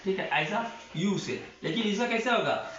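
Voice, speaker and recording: A man's voice: high-pitched, normal speed, a bit bright. A male teacher giving a classroom-style grammar lesson. He keeps asking rhetorical questions and answering them himself, and he draws words out when he spells them. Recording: echoey room, dull lo-fi sound.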